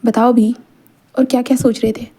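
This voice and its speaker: A woman's voice: on the high side, little pitch movement, normal speed, mellow, slightly rough. A woman voicing a middle-aged mother who keeps probing and teasing her son. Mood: prodding.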